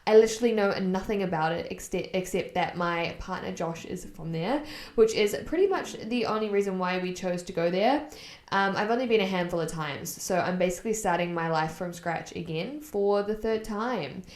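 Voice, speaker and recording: A woman's voice: medium pitch, moderate pace, darkish tone. A woman from New Zealand in her thirties, hosting a wellness podcast in an upbeat, chatty and encouraging way. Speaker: podcast host. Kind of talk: solo wellness podcast talk.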